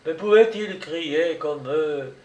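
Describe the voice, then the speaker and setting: A man narrating a classic story in a measured, dramatic reading style. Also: a little high, a little mellow, highs cut off. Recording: roomy, distant mic, faint noise.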